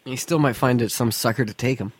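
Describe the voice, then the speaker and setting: Male sports podcast host, opinionated and salty, mid-range pitch, close dry recording made in an attic. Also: fast, husky, no room sound. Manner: blunt, profane, opinionated. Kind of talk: casual sports podcast chat. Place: attic of a house, recording in summer heat.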